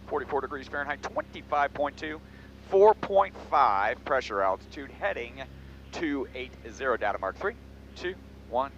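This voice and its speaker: A man's voice: mid-range voice, lively intonation, normal speed. A man giving technical in-flight commentary as a pilot, matter-of-fact, with clipped procedural callouts from a small airplane cockpit. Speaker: pilot demonstrating flight maneuvers. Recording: dull audio, loud aircraft cabin noise. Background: engine and cabin drone.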